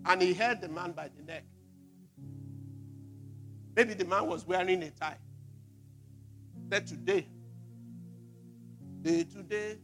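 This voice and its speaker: A man preaching a sermon as pastor, repeating words with emphasis and swinging from loud to quiet. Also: high voice. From Nigeria.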